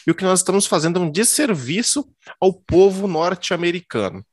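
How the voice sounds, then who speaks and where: A man's voice: high voice, lively intonation, brisk, no echo, studio quality. A Brazilian man co-hosting a podcast, telling joking stories in casual, slangy street talk with swearing. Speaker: podcast co-host. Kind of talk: casual chat with joking anecdotes.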